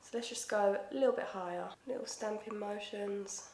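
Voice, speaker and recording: A woman's voice: medium pitch, moderate pace, darkish tone, slight background noise. A woman in her twenties with an Essex accent, chatting casually and swearing freely through a makeup tutorial. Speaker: makeup vlogger. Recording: echoey room.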